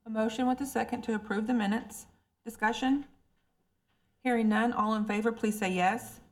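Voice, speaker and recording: A woman's voice: fairly high pitch, fairly even intonation, normal speed. A woman chairing a committee meeting, running procedure in a polite, formal way.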